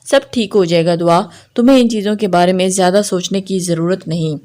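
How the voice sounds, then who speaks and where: A man's voice: high-pitched, steady tone, dark tone, lightly acted. A woman voicing a loving, teasing young man who turns protective, reading him in her own plain voice. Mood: affectionate teasing.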